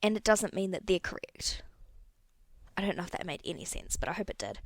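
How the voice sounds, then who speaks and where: Candid young woman with a gravelly edge. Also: fairly low pitch, sing-song, fairly quick, dry recording, whispered. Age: young adult. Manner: candid, rambling, self-correcting. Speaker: podcast host. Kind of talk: casual solo podcast talk.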